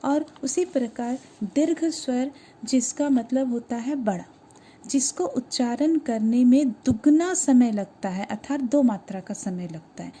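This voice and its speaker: A woman teaches a grammar lesson to schoolchildren in a high, breathy voice with a dark, mellow tone. She explains step by step and asks questions that she answers herself. She slows down to sound out each letter. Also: animated.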